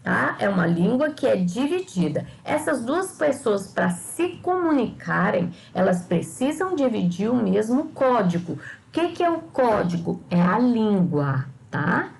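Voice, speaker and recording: A woman's voice: medium pitch, sing-song, a little slow, gravelly, low-quality recording. An older woman teaching a class. She asks her students questions and often checks that they follow. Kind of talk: classroom lecture.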